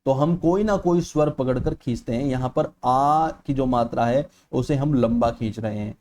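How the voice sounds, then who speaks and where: A man's voice: medium pitch, dark tone, a little hiss or hum. A male teacher giving an exam-prep lecture in an explanatory manner, often checking in with "okay" and stretching out vowels aloud to show how they sound. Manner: explanatory, repeats "ठीक है" often.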